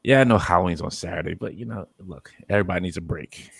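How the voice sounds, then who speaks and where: A man's voice: low-pitched, quick pace, creaky, a bit bright, husky, no room sound. A man in his thirties hosting a casual podcast chat, joking around and reading viewer comments aloud. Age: 30s. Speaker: podcast host.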